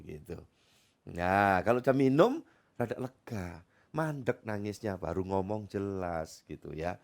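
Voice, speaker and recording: Middle-aged male pastor, lilt, chatty sermon delivery, fairly high voice, very animated pitch. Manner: lively, conversational preaching with sudden loud rises.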